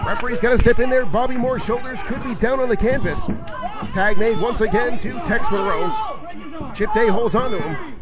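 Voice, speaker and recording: A man calling a live wrestling match as play-by-play announcer, in an excited, dramatic and emphatic arena announcer manner. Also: very high-pitched, moderate pace. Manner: dramatic, emphatic storytelling delivery. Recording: dull lo-fi audio amid loud crowd. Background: loud live crowd.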